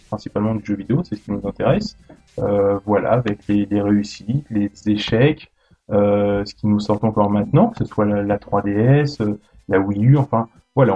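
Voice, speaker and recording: A man's voice: on the low side, mellow, breathy edge, muffled recording. A man hosting a casual gaming podcast, chatty and full of fillers and restarts. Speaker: podcast host.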